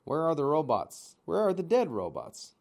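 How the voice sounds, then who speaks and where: A man voicing an eager, defiant young male gosling in a storybook reading, pushing and whining in a high voice. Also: wildly swooping pitch, fairly quick, full character voice. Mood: curious. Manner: high, pushy and whiny.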